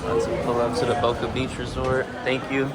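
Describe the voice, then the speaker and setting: A man's voice: medium pitch, monotone, moderate pace, a loud crowd, heavy background noise. A man talking casually to camera as a vlogger, addressing his viewers in a motivational, informal way. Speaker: vlogger and day trader. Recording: loud music over the voice. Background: loud music.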